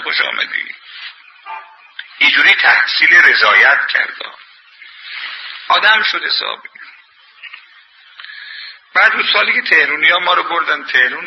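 A man's voice: a little high, pushed and bright, slight background noise, rough recording. A man preaching a sermon in an impassioned, colloquial scolding manner, telling anecdotes.

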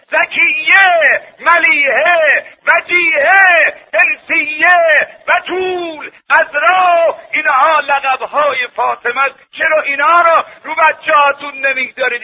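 A man preaching a sermon in an impassioned way, rising to shouts and dropping to hushed storytelling. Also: very high-pitched. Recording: dull lo-fi old tape.

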